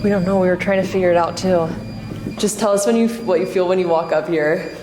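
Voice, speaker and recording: A woman chatting casually during a ghost hunt, excitable and easily startled, in on-location vlog sound. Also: on the low side, fairly quick, loud music behind the voice, poor audio. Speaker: paranormal investigation vlogger.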